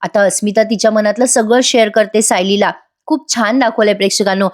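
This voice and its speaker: A woman's voice: mid-range voice, fairly even intonation, fairly quick. A woman narrating a voice-over recap of a TV serial episode, chatting directly to the viewers. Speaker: serial reviewer.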